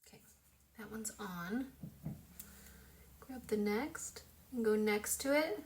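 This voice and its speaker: A woman's voice: medium pitch, animated, slow, darkish tone. Young woman casually talking thru her makeup routine at home, chatty, laughs at herself, faint hiss behind. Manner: chatty, self-deprecating, talks while working. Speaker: makeup vlogger. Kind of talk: casual tutorial chat.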